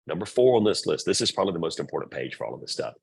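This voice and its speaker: A man's voice: low-pitched, sing-song, rapid-fire, gravelly, a little mellow, slightly rough. A middle-aged man presenting to volleyball parents, blunt and repetitive, acting out quoted remarks. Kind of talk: parent orientation talk.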